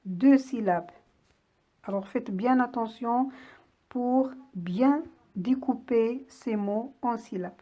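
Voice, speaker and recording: A woman teaching young children a reading lesson, saying each word slowly and clearly and patiently breaking it into syllables. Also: a little high, muffled recording. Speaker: primary school teacher. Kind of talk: slow classroom lesson read-aloud.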